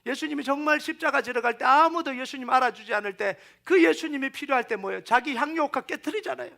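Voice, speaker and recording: A middle-aged man preaching a sermon as pastor, animated, acting out quoted voices and sinking to near-whispers. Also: very high-pitched, quick pace, gravelly.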